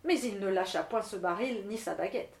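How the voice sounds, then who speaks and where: A woman narrating a fairy tale in steady, expressive storybook reading. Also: medium pitch, moderate pace, echoey room.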